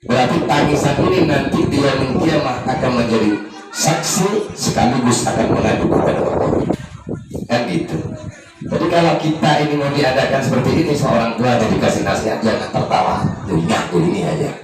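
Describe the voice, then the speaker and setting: A man preaching an informal sermon as an ustaz at a gathering, speaking. He talks in an animated way, letting his voice rise and fall as he acts out parents and children. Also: medium pitch, a little fast. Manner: animated, rising and falling intonation, acting out parents and children. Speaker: ustaz giving advice at a birthday gathering. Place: community hall at an Islamic boarding school. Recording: echoey room, mic at a distance, music behind.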